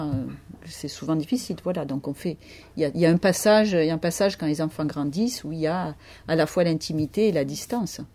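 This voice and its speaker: A woman in her fifties, deep-voiced and warm, speaks as an author during an interview conversation. She comes across as reflective, often searching for the right words.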